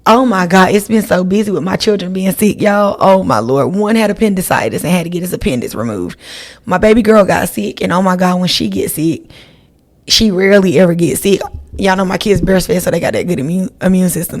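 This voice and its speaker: This podcast host addresses her listeners directly in a chatty, meandering solo talk. Her voice runs on the low side and sounds a little mellow, and she's animated and speaks slightly fast.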